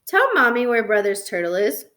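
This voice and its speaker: A woman's voice: fairly high pitch, sing-song, normal speed, pushed and bright. A woman voicing a flustered mother of two young boys who scolds and coaxes. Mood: coaxing. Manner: exasperated, scolding.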